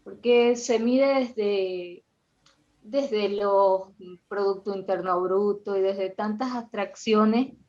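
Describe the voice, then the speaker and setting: A woman's voice: mid-range voice, dark tone. Venezuelan woman, muffled lo-fi audio. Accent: Venezuelan Spanish. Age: 40s. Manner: measured, hesitant, with many fillers. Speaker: audience participant, accountant. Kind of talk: conversational comment.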